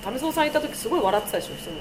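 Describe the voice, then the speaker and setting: A talkative woman chats quickly with lively swings in pitch. She plays mock-indignant in casual comedic banter, recorded against loud ambient noise. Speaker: talk show co-host.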